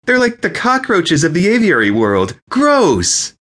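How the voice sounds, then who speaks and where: A male audiobook narrator voicing a shrill, disgusted wedding guest who shouts in a high voice. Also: wildly swooping pitch, measured pace, full character voice. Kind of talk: audiobook character voice.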